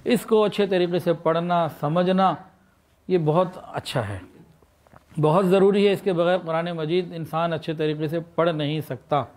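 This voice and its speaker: Preacher with a Pakistani Urdu accent: a man with a slightly high voice, explaining patiently and asking his listeners rhetorical questions. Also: steady tone, darkish tone. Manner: explains with rhetorical questions, then leads slow recitation. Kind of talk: sermon.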